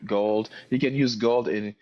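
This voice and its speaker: A man with a thick foreign accent answers questions as a guest, thinking aloud hesitantly and repeating phrases in casual discussion. His fairly low voice stays steady at a measured pace, heard through dull lo-fi audio with music behind.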